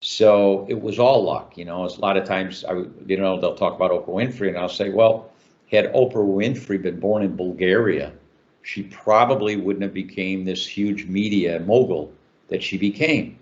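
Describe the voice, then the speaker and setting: A man's voice: low voice, moderate pace, darkish tone, lo-fi sound. An older man from Chicago, an author answering interview questions in a talkative way, with many fillers and restarts. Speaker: author guest.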